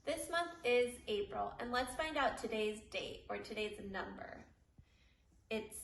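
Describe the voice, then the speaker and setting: A woman's voice: a little high, recorded from a distance. A young woman leading a preschool morning circle in a broad singsong, children's-theatre manner. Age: young adult. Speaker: preschool teacher. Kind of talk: children's morning circle lesson and read-aloud. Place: small indoor room, seated on the floor. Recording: roomy echo, faint-to-clear background noise.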